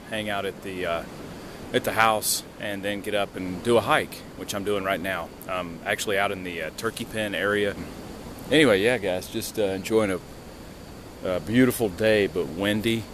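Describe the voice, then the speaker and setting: A man talking casually to his viewers while hiking, rambling and filling pauses with lots of "uh"s. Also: lowish voice. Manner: rambling, lots of filler words. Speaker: vlogger. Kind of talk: casual walking vlog. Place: outdoors on a windy mountain trail. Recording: strong wind noise outdoors. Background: wind.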